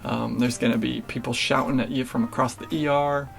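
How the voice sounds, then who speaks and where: Casual young guy nurse, creaky voice, kinda monotone, chill q&a talk with ums. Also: mid-range voice, brisk, soft background music. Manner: relaxed, filler-heavy, restarts. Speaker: nurse answering viewer questions. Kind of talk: casual Q&A vlog.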